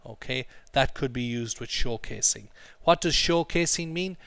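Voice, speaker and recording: A man leads an English lesson, explaining words and having the class repeat phrases after him. His voice is mid-pitched, and the recording sounds dry and close. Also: moderate pace, vocal fry, a bit bright, clear, resonant tone, no echo. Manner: drills pronunciation, repeating phrases for students. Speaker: English teacher.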